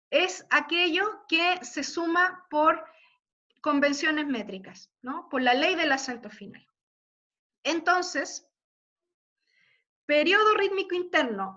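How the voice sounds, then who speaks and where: Slow, bright-voiced woman teaching online. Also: extremely high pitch, expressive. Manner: slow, patient explaining with frequent check-ins. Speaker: literature teacher. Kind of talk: online class lecture. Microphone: computer mic on video call. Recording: muffled video-call audio.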